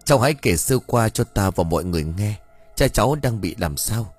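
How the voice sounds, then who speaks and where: A man voicing a gentle old village elder. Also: lowish voice, animated, a little fast, breathy edge, faint music behind. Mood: soothing. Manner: gentle, soothing, reassuring. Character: kindly older male village elder.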